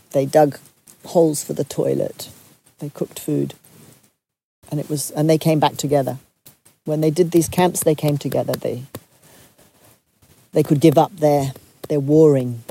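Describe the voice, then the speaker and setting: This soft, thoughtful group talk comes from a retreat leader from Zambia, who keeps pausing and restarting phrases. The recording has no echo, and the voice sits in the mid range.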